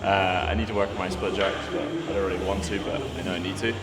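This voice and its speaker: A man's voice: low-pitched, flat delivery, quick pace, heavy background noise. A man hosting a casual vlog in a chatty, joking manner. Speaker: vlog host.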